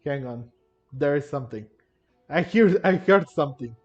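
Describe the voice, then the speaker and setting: Recorded on a dull, lo-fi mic with faint game music in the background, a gaming creator gives casual commentary, thinking out loud with hesitation and frequent repetition. He speaks at a normal speed in a slightly high, darkish voice with lively intonation.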